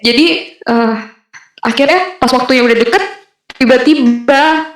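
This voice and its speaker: A woman's voice: high-pitched, a little slow. Young woman with a hesitant, chatty delivery. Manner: conversational with frequent fillers and hesitations. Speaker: convert giving a personal testimony. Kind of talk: casual spoken testimony. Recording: very echoey room.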